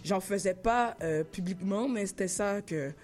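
A woman in her thirties with a Québécois French accent, a rapper chatting in an interview, laid-back, halting, full of slang and restarts. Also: mid-range voice, darkish tone. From Laval, Quebec. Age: 30s. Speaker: rapper guest. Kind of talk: casual interview chat.

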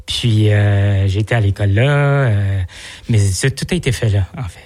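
A man's voice: fairly low pitch, fairly even intonation, moderate pace, a little mellow. A man with a Québécois French accent, a guest in a radio interview, speaking hesitantly with many fillers and repeated words. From Montreal area, Quebec. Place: radio studio.

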